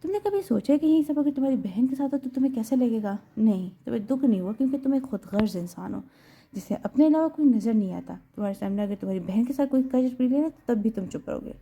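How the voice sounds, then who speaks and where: A woman's voice: a little high, animated, mellow, husky, muffled recording. A woman voicing a stern older father who scolds his son in a reproachful manner.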